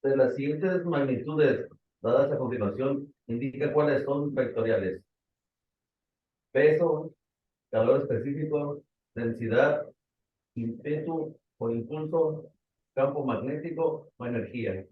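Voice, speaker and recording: A man, a student, slowly reading a physics exercise aloud in class. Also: medium pitch. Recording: tinny, distant, echoey line.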